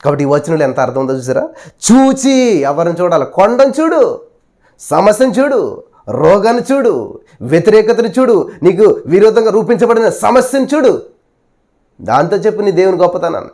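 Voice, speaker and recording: A male preacher delivering a sermon, asking the listeners rhetorical questions, repeating "hallelujah", and swinging between loud and hushed delivery. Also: sits high, big pitch swings, normal speed, pauses often.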